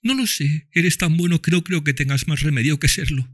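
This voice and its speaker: A man voicing a frail, devout little girl who speaks softly and tenderly. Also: brisk, natural voice. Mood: earnest. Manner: soft, tender high voice.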